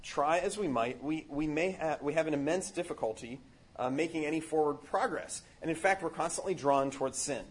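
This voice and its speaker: A man's voice: a little high, fairly quick, breathy edge. A man giving a casual, earnest spiritual reflection on a book, rambling with many fillers and restarts.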